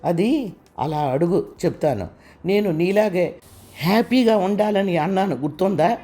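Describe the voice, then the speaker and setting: Cruel blackmailer, menacing and bossy, high mellow tone, man reading him. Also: expressive, measured pace. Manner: menacing, commanding. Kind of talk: audiobook character reading.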